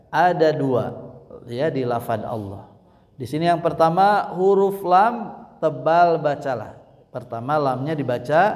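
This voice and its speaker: Sundanese man, recitation teacher, a bit high, slow and patient, long hall echo. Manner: explains patiently, then demonstrates by chanting words slowly. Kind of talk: religious lesson with recited examples. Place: mosque study session.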